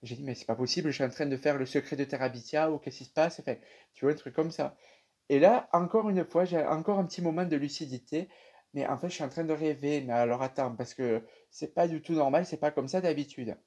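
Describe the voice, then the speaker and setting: A young man with a French accent casually telling viewers about a dream, animated and chatty with many fillers. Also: fairly high pitch, quick pace, slightly rough. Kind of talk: casual storytelling to camera.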